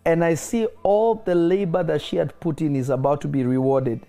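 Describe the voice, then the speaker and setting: A man's voice: on the high side, steady tone, normal speed, warm tone, faint music behind. A man delivering a prophetic word to a caller, declaring blessings and often asking if he is listening. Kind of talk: prophetic ministry over a phone call.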